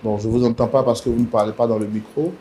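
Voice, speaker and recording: A male TV talk show host with a mid-low voice of ordinary pitch, speaking formally and steadily. He pauses with soft hesitations as he introduces guests on a studio set. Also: steady tone, slightly rough. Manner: formal, measured, with frequent "euh" pauses.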